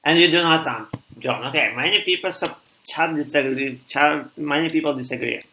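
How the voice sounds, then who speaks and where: A man's voice: fairly high pitch, vocal fry, bright, forceful tone, echoey room, a little hiss or hum, rough recording. Russian-accented young man thinking aloud. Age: 20s. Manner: halting, thinks aloud with many pauses and restarts. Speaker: programmer live-streaming his coding. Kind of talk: live coding stream, thinking aloud and answering chat.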